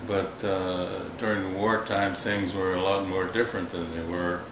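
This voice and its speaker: An elderly man, a war veteran, recalling his service in an interview in a halting, reflective way with formal wording. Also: sits low, little pitch movement. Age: 80s or older. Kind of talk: old veteran remembering, unscripted interview recollection. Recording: echoey room with background noise.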